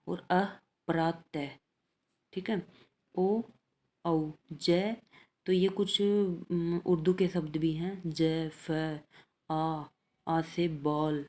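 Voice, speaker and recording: Slow, low-voiced woman teaching a lesson. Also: warm tone. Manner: patient, repeats "ठीक है" after each point. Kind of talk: slow explanatory lesson, reading out letters and exercises.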